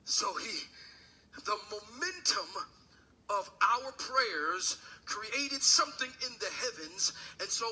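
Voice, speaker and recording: A pastor preaching a sermon into a pulpit microphone in a church, moving from a hushed story to shouted preaching. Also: male voice, high-pitched, expressive, slow pace, rough recording. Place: church sanctuary.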